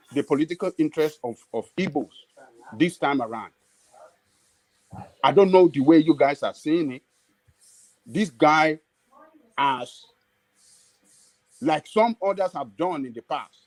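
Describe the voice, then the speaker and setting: A man's voice: a little high, darkish tone, no room sound, low-quality recording. A man with a Nigerian Yoruba accent giving emphatic political commentary in short, repeated phrases. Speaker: political analyst on a livestream panel.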